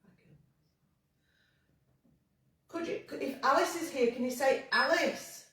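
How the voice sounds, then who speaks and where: A woman on a ghost hunt coaxes spirits to speak in a soft, patient way. Her voice sits a little high, and it rings around a very echoey cellar while she stands off from the mic. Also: measured pace. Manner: gentle coaxing, calls spirits sweetheart. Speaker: paranormal investigator. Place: pub cellar. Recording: very echoey room from far off.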